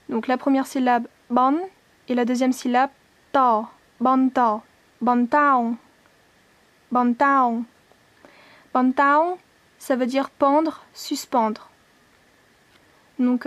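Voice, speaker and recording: A woman's voice: on the high side, a little mellow, dry recording. A woman teaching a language lesson, patiently repeating each word and spelling things out, now and then correcting herself.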